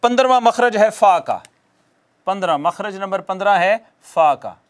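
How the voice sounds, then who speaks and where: A man teaching Quran recitation in a recorded lecture, asking himself questions and answering them, repeating letter sounds slowly to demonstrate them. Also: sits high, lively intonation. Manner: drills by repeating and answering his own questions.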